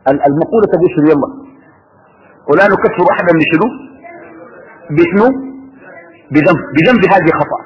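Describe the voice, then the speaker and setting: A man's voice: on the high side, quick pace, pauses often, slightly rough. A man teaching a class on creed, stopping to ask his students questions and having them finish his sentences. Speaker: religious teacher. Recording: dull lo-fi recording in a reverberant hall.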